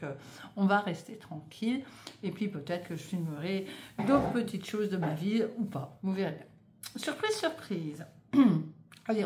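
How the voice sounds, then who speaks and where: A woman's voice: medium pitch, darkish tone. A woman chatting casually in a knitting vlog, hesitant with many fillers, filming in her home conservatory. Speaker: knitting vlogger. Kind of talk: casual vlog chat, unboxing yarn.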